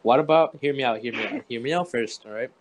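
A man's voice: medium pitch, fast. Young guy joking around w friends, mid voice, bit of faint noise behind. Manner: playful, jokey, insists on being heard out. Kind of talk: casual chat.

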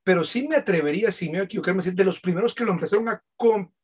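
A man hosts a relaxed conversation and chats freely, dropping in frequent short agreements. His voice sits high and has a breathy, husky edge. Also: rapid-fire. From Guatemala. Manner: chatty, affirming with frequent short replies. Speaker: host. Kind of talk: casual conversation.

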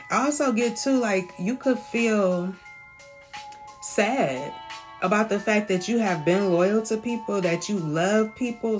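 A woman with a fairly low voice gives a casual, rambling reading, checking in with listeners again and again. Faint music plays softly behind her. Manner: chatty, repeats "okay?" often, laughs. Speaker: tarot reader.

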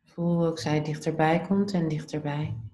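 A woman leading a guided meditation in a calm, soothing, gently instructive way. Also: deep voice, normal speed, reverberant.

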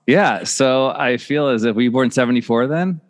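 A man in his forties hosting a casual interview podcast, admiring and halting, with many restarts. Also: medium pitch, in a large hall. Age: 40s. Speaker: podcast host.

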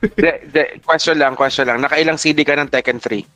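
Bright-voiced Filipino man chiming in. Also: a little high, steady tone, brisk, faint music behind. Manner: chimes in with short echoes and quips. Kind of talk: casual chat among friends.

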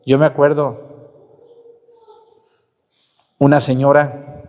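Mexican priest, folksy scolding sermon, warm tone, long church reverb. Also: male voice, mid-range voice, little pitch movement, normal speed. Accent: Mexican Spanish. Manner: folksy, scolding, acts out parishioners' voices.

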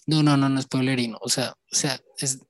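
A man's voice: mid-range voice, steady tone, a little fast, dry recording. A man from Colombia in a casual chat with friends, explaining at length and swearing freely.

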